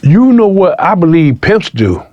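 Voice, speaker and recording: In a casual interview, a man with a high voice tells a story at an unhurried pace, using slangy, streetwise talk and animatedly acting out the quoted dialogue. The audio is dull with no room sound.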